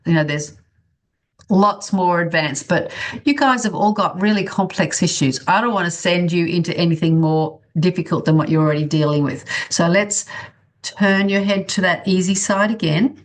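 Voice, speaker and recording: Lower-voiced woman leading a gentle exercise class. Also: normal speed. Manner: encouraging, checking on participants. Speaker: workshop instructor in bodywork. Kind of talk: guided exercise instruction, informal and conversational. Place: online video-call class.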